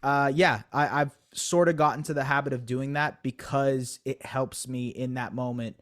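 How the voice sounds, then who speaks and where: A young man talks through his thinking in a relaxed podcast chat. He circles back on himself, stacks up fillers and restarts, and pokes fun at himself as he goes. His voice sits at an ordinary middle pitch for a man. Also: moderate pace. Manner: thoughtful, self-deprecating, lots of fillers and restarts. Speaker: basketball analyst guest. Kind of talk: conversational podcast interview.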